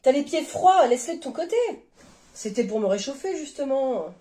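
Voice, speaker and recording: A woman's voice: high voice, lively intonation, normal speed, mellow, roomy sound. A woman acting out short comedy skits with playful banter, playing every part herself. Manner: playful, bantering, switches between characters. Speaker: comedy sketch creator.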